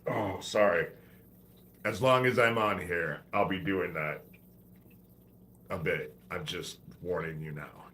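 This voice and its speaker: A man hosting a live stream with a stuffy head cold rambles casually and uses profanity. He has a deep voice, speaks slowly with long pauses, and there is background noise.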